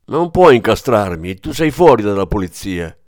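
A man voicing a frightened, corrupt male police detective in an audiobook, shrill and pleading. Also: sing-song, moderate pace, a little mellow, no echo, clean studio sound. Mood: panicky.

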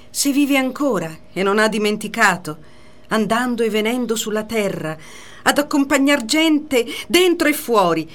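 A woman reading the part of a poised mistress in a radio play, composed and measured. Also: mid-range voice, fairly bright tone. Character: poised mistress, cool and cutting.

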